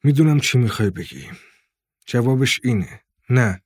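A man's voice: mid-range voice, lively intonation, slightly rough, no echo, clean studio sound. A man voicing a weary father who speaks curtly and firmly in an audiobook. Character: weary, firm father on the road.

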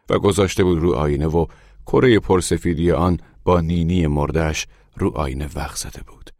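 A man narrating a literary short story in a slow, measured way, at times hushed. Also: very deep voice, dry recording, clean studio sound.

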